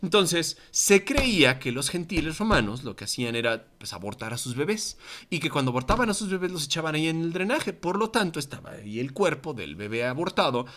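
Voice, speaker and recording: Animated Mexican man teaching Bible class. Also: on the high side, brisk. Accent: Mexican Spanish. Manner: animated, acts out quoted voices. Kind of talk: Bible study lesson to a congregation. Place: church meeting room. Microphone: microphone.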